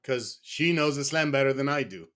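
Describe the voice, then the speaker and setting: A man's voice: mid-range voice, lively intonation, normal speed, a bit bright. A man from the United States speaking in a casual interview as a guest, candid and rambling, often stopping to correct himself.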